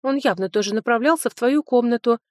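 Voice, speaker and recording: A woman doing a high, excitable young girlfriend. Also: fast talker, dry recording, studio quality, lightly acted. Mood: eager.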